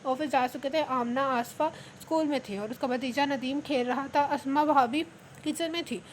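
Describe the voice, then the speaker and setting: A high-voiced woman reads a romance novel aloud in a steady way, sometimes stumbling and restarting a word. A faint hiss of background noise sits under her voice. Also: moderate pace. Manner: steady reading with frequent restarts of words. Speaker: novel reader. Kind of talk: novel reading.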